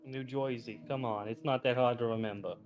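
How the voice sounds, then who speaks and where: A man's voice: mid-range voice, fairly even intonation, faint music behind. Teasing male game master. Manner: playful, teasing, quick to joke. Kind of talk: running a tabletop game over voice chat.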